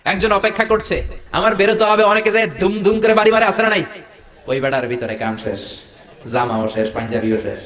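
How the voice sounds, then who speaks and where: A man with a Bangladeshi Bengali accent preaching a sermon, jokey and animated, firing rhetorical questions at the crowd. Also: sits high, a little fast. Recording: echoey hall, dull lo-fi sound.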